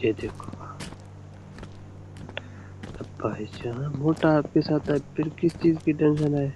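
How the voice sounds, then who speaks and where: Excited man over roaring game cars. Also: a little high, slow, noisy background. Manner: excited, urgent, jokey banter with game characters. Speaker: gameplay commentator. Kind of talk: playful mobile game commentary. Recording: loud car and tire game sounds behind.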